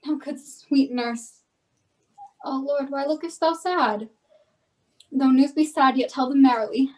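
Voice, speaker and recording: Woman cast as a pleading, lovestruck young girl; high and slow, off-mic. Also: recorded from a distance, poor audio. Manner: impatient, pleading. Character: impatient young girl in love. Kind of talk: amateur Shakespeare reading.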